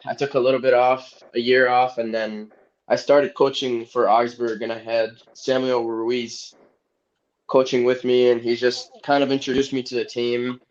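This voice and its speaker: A man's voice: mid-range voice, flat delivery, moderate pace. A young man from Egypt, a soccer player guest, talking easily and laughing often in a casual podcast interview. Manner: easygoing, laughs often, rambling. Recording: dull lo-fi audio.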